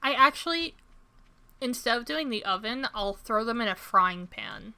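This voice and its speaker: A woman's voice: on the high side, lively intonation, moderate pace, creaky, bright, forceful tone. A young woman streaming a farming game, chatting casually and making self-deprecating asides as she plays. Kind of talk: casual gameplay commentary.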